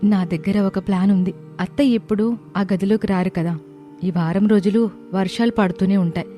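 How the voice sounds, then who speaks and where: A young woman voicing a kind, earnest daughter-in-law in an animated family story. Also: mid-range voice, normal speed, faint music behind, lightly acted. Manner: earnest, warm-hearted speaking. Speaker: voice actor.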